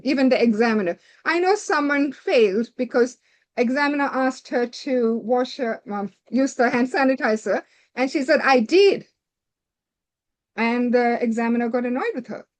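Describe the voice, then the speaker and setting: A woman with a fairly high voice lectures doctors who are preparing for a medical licensing exam. Her delivery is direct and instructive, and she links her points together with "so".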